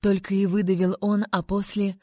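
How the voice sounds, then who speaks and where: A woman narrating a first-person fantasy romance audiobook with expressive, lively storytelling. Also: medium pitch, moderate pace, dry recording, clean studio sound.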